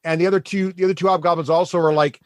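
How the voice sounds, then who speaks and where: A man running a tabletop game, narrating casually and haltingly as he thinks aloud as game master. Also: high-pitched, steady tone, darkish tone, clean tone, dry recording.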